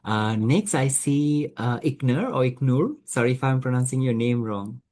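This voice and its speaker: A man hosts an online group session from a video call, his voice at an ordinary middle pitch. He talks in a halting way, full of fillers and restarts as he welcomes each person. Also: darkish tone. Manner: hesitant, with many fillers and restarts. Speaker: webinar host.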